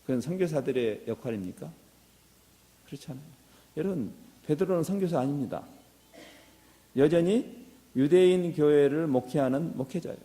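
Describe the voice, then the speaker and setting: A man's voice: fairly high pitch, animated, moderate pace, pauses often, warm tone. A middle-aged man preaching a sermon as a pastor, earnest and building to impassioned appeals. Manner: earnest, rising to impassioned exhortation. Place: church sanctuary. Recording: reverberant church hall.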